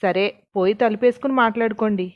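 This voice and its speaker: A woman's voice: medium pitch, quick pace, no room sound, highs cut off, natural voice. A woman voicing a blunt, rustic middle-aged mother in a storybook reading. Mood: brusque.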